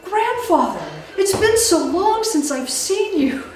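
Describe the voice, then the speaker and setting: A woman storyteller voicing a clever young woman who coaxes a monster in a high, sugary tone, heard in an echoey room from a distant mic. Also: sing-song, takes it slowly, crowd noise, full character voice. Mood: sweetly coaxing.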